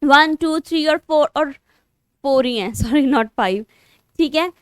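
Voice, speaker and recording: A woman's voice: high-pitched, takes it slowly, dry recording, studio quality. A woman with an Indian accent teaching English spelling online, spelling words out letter by letter and mixing Hindi with English. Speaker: English teacher for exam prep.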